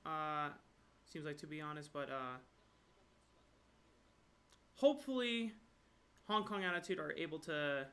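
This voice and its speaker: Male esports caster, higher-pitched and bright, headset mic, excitable reactions. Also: unhurried, pauses often. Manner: excitable, rises sharply in pitch at surprises. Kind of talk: live esports commentary. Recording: brief connection dropouts.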